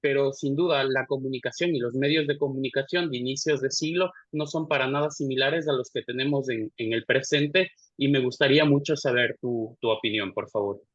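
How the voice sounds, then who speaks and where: A man's voice: mid-range voice, brisk, few pauses, fairly bright tone, no room sound. Polite, hesitant male moderator. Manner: polite, hesitant, repeats words. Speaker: session moderator. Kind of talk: moderating an online talk. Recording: dry, dull online audio.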